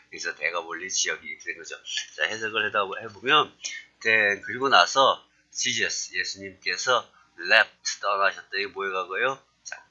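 A man's voice: lowish voice, sharp tone, lo-fi sound. A man teaching a language class who acts out short dialogue lines and then explains them. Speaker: English teacher. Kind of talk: lecture.

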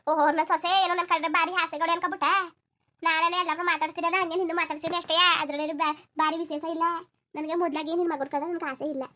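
A woman doing a shrill, defiant cartoon village bride. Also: pushed and bright. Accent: rural Karnataka Kannada. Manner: scolding, rapid-fire retorts. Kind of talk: cartoon voice acting.

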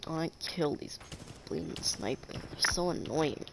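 Playing a game at normal speed, a stuffy-nosed young man with a slightly high voice offers casual, sarcastic commentary, cracking jokes and addressing enemies directly. Background noise can be heard.

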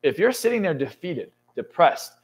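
A man in his twenties with a fairly high, breathy-edged voice speaks at a moderate pace. A motivational speaker and coach, he's doing a podcast interview on an indoor studio lounge set. He comes across as intense and emphatic, swears frequently, and builds to excited peaks.

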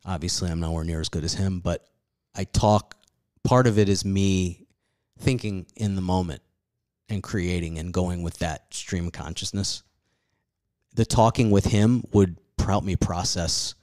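A man in his forties with a very low voice talks loosely on a podcast. He rambles from thought to thought, puts himself down and swears casually. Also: steady tone, a little slow, darkish tone. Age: 40s. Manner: rambling, self-deprecating, swears freely. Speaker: comedian guest.

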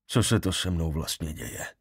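A man's voice: deep voice, very animated, husky, dry recording, clean studio sound, full character voice. A man voicing a troubled young man in an audiobook, speaking in a pleading, shaken way. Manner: pleading, with flashes of anger.

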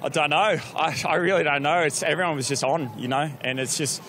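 A triathlete giving a chatty post-race interview outdoors, shivering from the cold and talking with many fillers and restarts. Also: male voice, fairly high pitch, a little fast, sharp tone, slight background noise.

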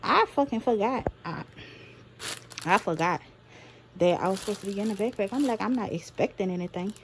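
A woman's voice: mid-range voice, fairly quick. A woman vlogger talking casually and chattily to her viewers into a handheld phone. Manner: informal, chatty address to viewers. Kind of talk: casual vlog talk to viewers. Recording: noisy handheld phone recording.

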